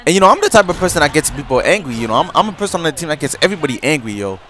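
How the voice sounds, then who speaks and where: A man's voice: fairly high pitch, sing-song, racing, a bit bright. A young man telling a rambling story in a casual vlog, with lots of restarts and a sore throat, as a gaming YouTuber.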